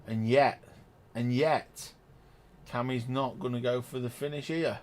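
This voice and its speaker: An excitable man, doing chatty live commentary on a pool match and exclaiming loudly at big shots. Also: medium pitch, measured pace. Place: pool lounge.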